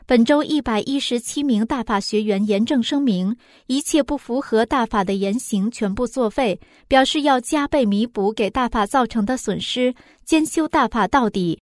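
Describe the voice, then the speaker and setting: A woman reading a scripted first-person story in a calm, even way. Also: on the high side, moderate pace, hardly any pauses, no echo, studio quality. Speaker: program reader.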